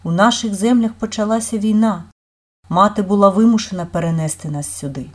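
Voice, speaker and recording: A woman's voice: mid-range voice, a little fast, natural voice. A woman voicing a decisive, commanding elder sister in a read-aloud storybook, giving orders in a firm way.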